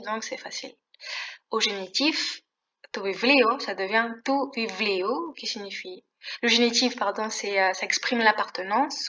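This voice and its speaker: A woman's voice: medium pitch, pushed and bright, lo-fi sound, slight background noise. A woman teaching a language lesson in a casual, hesitant way, with fillers and self-corrections. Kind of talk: explanatory lesson.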